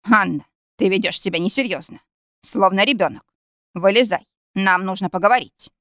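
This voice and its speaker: A woman voicing a composed male lord who speaks to his lover in a measured, patient way. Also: medium pitch, fairly bright tone, dry recording, clean studio sound, close to an everyday voice.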